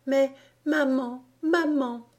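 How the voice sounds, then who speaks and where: A woman reading aloud voices a frightened young girl who pleads in high, tearful cries. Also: expressive, measured pace, a little mellow, natural voice. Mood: horrified.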